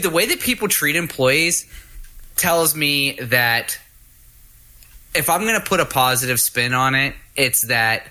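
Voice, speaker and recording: A man co-hosting a casual podcast, reflecting in a relaxed way with some casual swearing. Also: medium pitch, rough recording. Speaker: podcast co-host. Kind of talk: casual chat.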